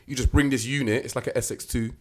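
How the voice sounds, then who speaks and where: A young man with a London accent and an average-pitched voice. He hosts a casual podcast and talks in loose, slangy street style. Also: steady tone, fast talker. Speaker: podcast host.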